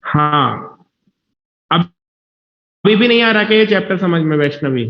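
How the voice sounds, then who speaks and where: A biology teacher gives a slow, animated classroom lecture in a high-pitched voice, reassuring his students, repeating himself, and asking if they follow. The recording of the classroom is dull and echoey.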